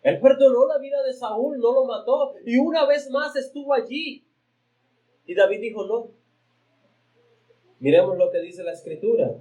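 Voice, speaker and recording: Pastor, male, high voice, emphatic sermon delivery with big pitch swings, repeats words mid-phrase. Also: normal speed, long pauses, mellow, dull audio. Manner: preaching with emphatic pitch swings, reading scripture aloud; repeats words while searching for the next phrase.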